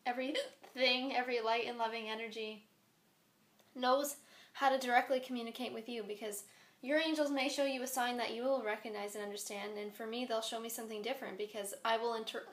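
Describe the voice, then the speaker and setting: A woman's voice: fairly high pitch, steady tone, fairly quick. A woman giving a chatty spiritual angel card reading, recorded on a phone, with frequent laughs. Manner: chatty, laughing often, warm spiritual encouragement. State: hiccuping.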